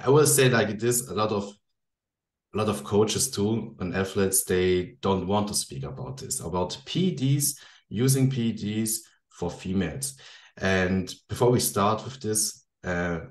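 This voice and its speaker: A man hosting a podcast interview, asking friendly questions in English with frequent hesitations and restarts. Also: lowish voice. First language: German. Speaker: podcast host. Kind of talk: casual interview chat. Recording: echoey room.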